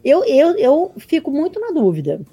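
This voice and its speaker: A woman speaks in casual conversation, her pitch swinging widely as she tells animated stories. Her tone is mellow and warm, and she acts out each side of the dialogue. The recording is dry and close, with faint music behind her. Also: normal speed, dry recording, muffled recording. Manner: animated storyteller, acts out both sides of dialogues. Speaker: mentor sharing her experience.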